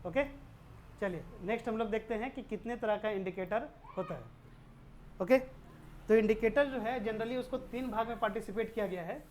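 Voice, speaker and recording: A science teacher gives a classroom-style chemistry lesson, asking rhetorical questions and answering them herself while mixing in English technical terms. Her voice is a little high and a little mellow, at a moderate pace, with slight hiss or hum.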